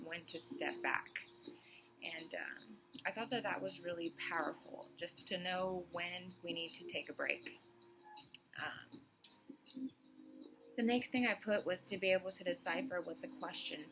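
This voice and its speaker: Sleepy-voiced young woman musing softly. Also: lowish voice, background noise. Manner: soft, unhurried, many "um" pauses. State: sleepy morning voice. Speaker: vlogger. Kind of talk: casual reflective monologue.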